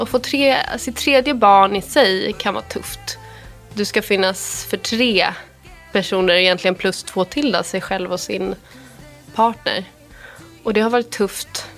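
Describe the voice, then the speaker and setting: A woman's voice: medium pitch, fairly bright tone. A woman in her thirties from Sweden, a podcast guest telling a personal story with feeling. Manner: emotional, quotes others in a retelling voice.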